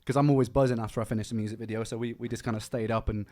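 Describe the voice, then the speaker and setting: A man's voice: medium pitch, fairly even intonation, racing, mellow. A man chatting casually on a livestream, rambling through explanations with lots of restarts. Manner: rambling, explaining production and rhyme technique; frequent restarts and fillers like "man". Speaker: musician streaming.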